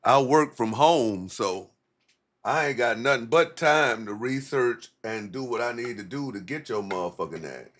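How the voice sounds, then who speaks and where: A man's voice: medium pitch, lively intonation, moderate pace, a bit bright. A man hosting a casual, profane livestream, rambling in a laid-back stoner way with heavy slang and swearing. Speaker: livestream host.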